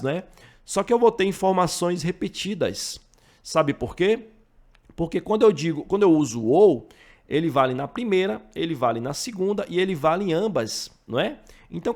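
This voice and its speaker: A man's voice: fairly high pitch, a little mellow. A man with a Brazilian accent teaching math, explaining each step through worked examples and often checking in with the listener. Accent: Brazilian Portuguese. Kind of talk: explaining logic for exam prep.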